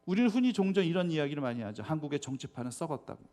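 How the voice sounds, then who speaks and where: A man preaching as a pastor in a church. He keeps asking the congregation rhetorical questions and swings from loud, stressed words to quiet asides. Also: on the high side, very animated, very fast. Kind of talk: sermon. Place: church sanctuary.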